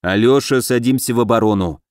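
A brisk young elf tactician in an audiobook fantasy, snapping out orders and ideas, as a man puts him on. Close and dry. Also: medium pitch, no echo, natural voice. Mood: commanding. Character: quick-thinking young male elf tactician.

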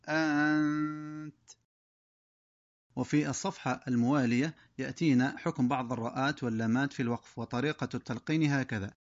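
A man teaching the rules of pausing in Quran recitation, reciting each example word slowly and then stating the rule quickly. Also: mid-range voice, no echo, muffled recording. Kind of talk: tajwid lesson with slow recited examples.

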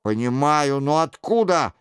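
A man voicing a sharp, commanding jester who questions brusquely. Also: a little high, lively intonation, measured pace, clean tone, dry recording, studio quality. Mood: demanding. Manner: brusque, demanding.

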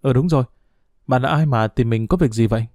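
A man's voice: medium pitch, brisk, darkish tone, no room sound, studio quality, close to an everyday voice. A man voicing a playful, bossy schoolgirl who teases in a mock-stern way.

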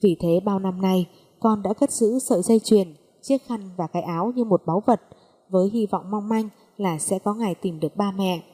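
Woman reading choked-up young orphan girl, mellow, long reverb. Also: medium pitch, normal speed, slightly rough, close to an everyday voice. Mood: tearful. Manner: choked, sobbing speech.

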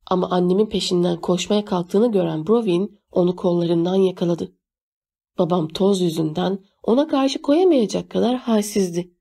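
Woman, audiobook narrator, first-person novel, measured, steady, warm mellow tone. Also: lowish voice, breathy edge.

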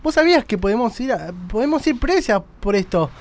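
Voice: mid-range voice, sing-song, a little mellow, dry recording. A performer playing a cheeky, brazen woman with a Rioplatense Spanish accent in a comedy sketch. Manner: giggly, matter-of-fact, quick. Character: cheeky middle-aged woman, brazen and flighty.

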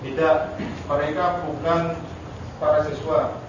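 Male student reading and translating, flat delivery, far from the mic in a very echoey room. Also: on the high side, takes it slowly, noisy background. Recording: distant echoey muffled room recording.

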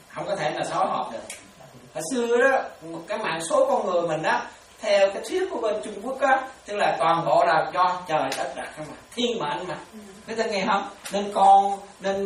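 A woman's voice: medium pitch, a little hiss or hum. A woman giving a Buddhist dharma talk, repeating phrases and often asking whether her listeners follow. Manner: repetitive, keeps checking whether listeners follow. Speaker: Buddhist teacher. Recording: echoey room, distant mic, faint ambience.

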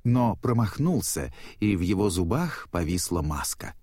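A man reads a children's storybook aloud in a fairly low voice. His pitch rises and falls vividly, and the close-miked recording is dry, with no room sound. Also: normal speed, no room sound. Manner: expressive reading aloud. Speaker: narrator. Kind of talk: storybook reading.

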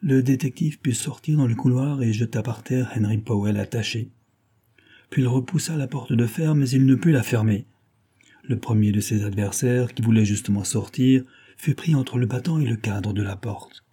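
Husky dark male audiobook narrator. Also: mid-range voice, normal speed. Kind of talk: scripted narration.

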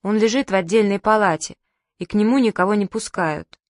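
A woman's voice: medium pitch, a little fast, dry recording, clean studio sound, natural voice. A woman voicing a young girl who tells her news solemnly and tearfully, in a storybook reading. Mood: mournful.

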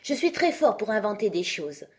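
A woman voicing an earnest, solemn male knight who is proud of his clumsy inventions, read in a breathy voice for a storybook. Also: mid-range voice, sing-song, moderate pace, pitched above the performer's own voice. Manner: grave, proud, rambling explanations. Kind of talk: audiobook character reading.

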